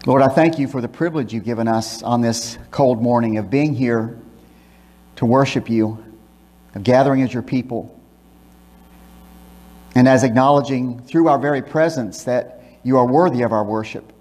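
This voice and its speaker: Standing at the pulpit in a church sanctuary, an older pastor delivers a sermon, reading scripture and offering prayer with measured emphasis. His voice is mid-range with a darkish tone, captured through a pulpit microphone and filmed by a distant camera, with long reverb from the church.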